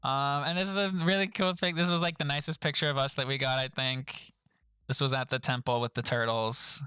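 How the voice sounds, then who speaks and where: Young male streamer, casual and animated, bright forward tone, dry close mic. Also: fairly quick, smooth, dry recording. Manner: laughs often, animated storytelling with high-pitched quoted voices. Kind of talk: casual stream chat reviewing trip photos.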